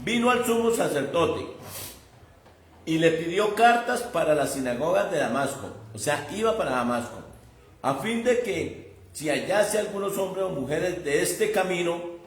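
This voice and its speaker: High-voiced preacher in an echoey room. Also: male voice, animated, unhurried, a little hiss or hum. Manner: conversational, emphatic, addresses listener directly. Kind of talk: sermon.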